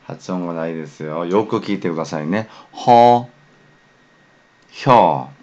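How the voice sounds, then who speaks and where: A man's voice: low-pitched, fast, darkish tone, muffled recording. A man whose first language is Korean, patiently giving a pronunciation lesson and modelling syllables one by one. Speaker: language teacher.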